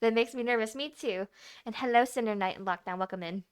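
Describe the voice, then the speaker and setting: A woman's voice: fairly high pitch, fast, slight background noise. A woman streamer reacting to a video in casual chat, teasing jokes and nervous, pleading exclamations. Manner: teasing, jokey, anxious exclamations.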